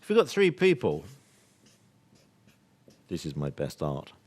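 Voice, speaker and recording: Speaking at a measured pace, an older British workshop speaker addresses a live audience with an extremely low, slightly mellow voice whose pitch swoops wildly. His talk is earnest and emphatic, though rambling, with laughter and restarts along the way.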